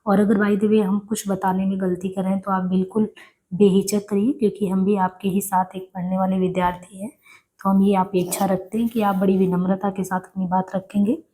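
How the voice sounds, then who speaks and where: A woman's voice: medium pitch, level tone, warm tone. Patient woman teaching Hindi spelling. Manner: patient, repeats each word slowly, frequent "है ना". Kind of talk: exam-prep spelling lesson.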